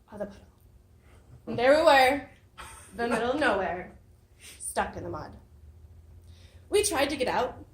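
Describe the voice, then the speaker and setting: A woman giving a prepared personal story speech at a speaking club, telling it with lively dramatic emphasis. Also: fairly high pitch. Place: meeting room. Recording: roomy hall, mic at a distance.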